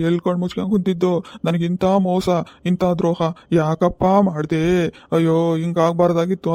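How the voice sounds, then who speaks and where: A man's voice: sits high, darkish tone. A man playing a young husband, exasperated and lamenting over his wife in a comic skit.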